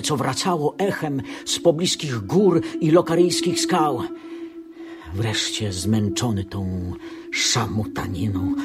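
A man's voice: medium pitch, close to an everyday voice. An actor playing a grief-stricken young son who tells of his father's death and accuses his mother, with impassioned delivery in a radio drama. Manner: impassioned, rising to fierce outbursts.

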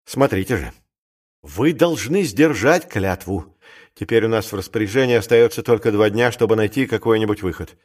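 A man voicing a bold, reckless male clerk and gambler who talks in a brisk, commanding way, in an audiobook. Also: on the low side, animated, darkish tone. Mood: grim, commanding. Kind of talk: audiobook character reading.

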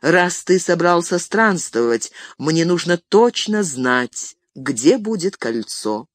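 A reader voicing an old male wizard who speaks calmly and measuredly, turning stern, in an audiobook reading. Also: medium pitch, no room sound, clean studio sound. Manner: calm, measured, stern at times.

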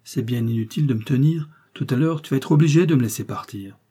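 A man voicing a rough, defiant male master criminal with a coarse, jeering way of talking, in an audiobook reading. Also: mid-range voice, fast, warm tone, close to an everyday voice. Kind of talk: audiobook character voice.

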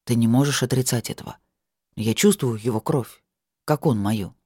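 A narrator voicing a grim, imposing dragon-blooded man who speaks quietly and measuredly. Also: mid-range voice, normal speed, slightly rough, no echo, clean studio sound, voice pushed down, lightly acted. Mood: grave.

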